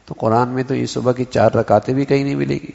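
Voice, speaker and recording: In a dull recording from a long-reverb hall, a preacher delivers an Islamic sermon and explains his point by voicing one sentence in several tones. He has a warm, gravelly, mid-range voice with fairly even intonation.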